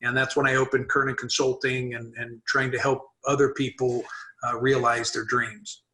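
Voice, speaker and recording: Bright-voiced middle-aged business consultant. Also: male voice, mid-range voice, moderate pace, rough recording. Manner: relaxed, many fillers and restarts. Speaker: business consultant, webinar host. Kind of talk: casual webinar conversation.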